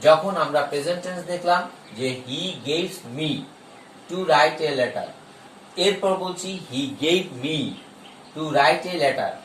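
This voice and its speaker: Male grammar teacher, slightly high voice, emphatic and slow on examples; echoey room, set back from the mic. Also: fairly bright tone, recorded from a distance, a little hiss or hum. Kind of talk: explaining a grammar lesson.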